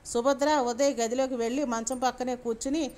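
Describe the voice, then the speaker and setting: Woman narrator for a serialized novel, high voice, steady and measured. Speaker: storyteller. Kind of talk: reading a serialized novel aloud.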